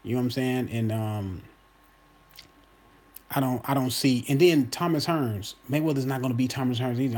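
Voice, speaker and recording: A husky man in his early forties holds forth in a loose, unscripted monologue. He talks emphatically, circles back to repeat his points and speaks straight to the people watching. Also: mid-range voice, a little mellow. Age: 40s. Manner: emphatic, repeats himself, addresses viewers as y'all. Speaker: boxing commentator host. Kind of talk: casual opinion monologue.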